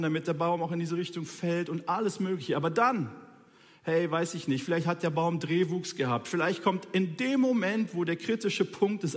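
High-voiced casual preacher in a reverberant room. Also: male voice. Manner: colloquial and ironic, speaks straight to listeners. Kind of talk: informal sermon.

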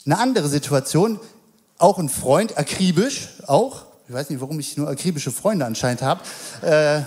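A man's voice: on the high side, animated, moderate pace, a little mellow. A man with children giving a casual, anecdotal sermon, chatting loosely with lots of fillers and "right?" tag questions. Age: adult with children. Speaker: lay preacher.

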